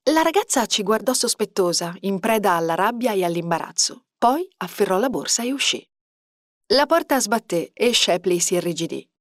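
Female audiobook narrator, expressive lively delivery, dead-dry close mic. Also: medium pitch, dry recording. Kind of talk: scripted narration.

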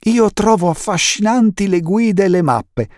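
A man's voice: sits high, measured pace, no room sound, studio quality, voice pushed up. A man voicing an eager, bookish teenage boy in an audiobook reading. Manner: eager, excited.

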